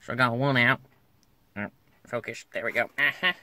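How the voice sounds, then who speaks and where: Working inside the cab of an old pickup to remove its speakers, a vlogger records himself with a close-held handheld camera for a casual tutorial. He talks at normal speed in a medium-pitched, pushed, bright voice, using a mock twangy drawl and muttering and grunting as he works. A little hiss or hum is audible.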